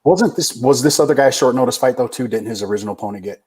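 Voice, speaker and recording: A man co-hosting a podcast, chatting in a relaxed, self-deprecating way about fights. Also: mid-range voice, rapid-fire, slightly rough. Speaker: podcast co-host. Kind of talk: casual fight recap chat.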